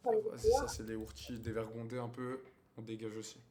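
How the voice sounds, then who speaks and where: A man's voice: lowish voice, sing-song, fairly quick, warm tone. A man, chatting crudely on a live stream and teasing strangers on video calls. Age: 20s. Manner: crude, slangy, teasing, swears often.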